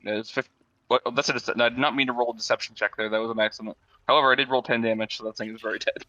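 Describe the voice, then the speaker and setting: A man's voice: medium pitch, fairly even intonation, rapid-fire, pushed and bright, dry recording, dull audio. A man playing a tabletop game over an online call, hesitant and full of fillers. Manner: hesitant, filler-heavy, sheepish. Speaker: player. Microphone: online call microphone.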